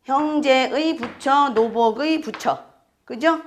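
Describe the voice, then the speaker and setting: A woman's voice: high voice, slight background noise. A woman teaching an astrology class, explaining step by step, repeating key terms and often checking whether her students follow. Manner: keeps checking students with quick questions. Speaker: fortune-telling astrology teacher. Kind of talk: classroom lecture.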